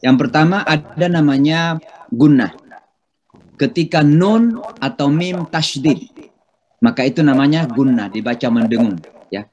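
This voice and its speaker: Man, imam, Quran lesson, drawn-out chanting, slightly high voice, faint hiss. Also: expressive, a little mellow, dull audio. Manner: slow and patient, chants Arabic words drawn out. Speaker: imam teaching Quran recitation. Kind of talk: Quran tafsir and tajwid lesson.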